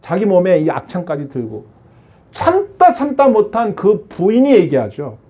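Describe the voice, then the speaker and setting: A man's voice: high-pitched, wildly swooping pitch, normal speed, muffled recording. A male pastor preaching a sermon, asking his congregation many questions and acting out the voices he quotes.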